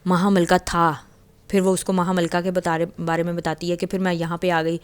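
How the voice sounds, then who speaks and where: A woman retelling a novel in a loose, conversational way, often restarting her sentences. Her voice is lowish and smooth, with a flat, even delivery. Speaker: storyteller.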